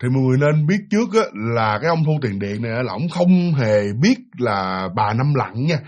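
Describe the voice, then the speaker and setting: A man's voice: mid-range voice, very animated, brisk, dull audio. A man with a Southern Vietnamese accent telling a ghost story in a chatty way, speaking straight to his listeners. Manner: chatty, addresses listeners directly. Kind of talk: spooky storytelling.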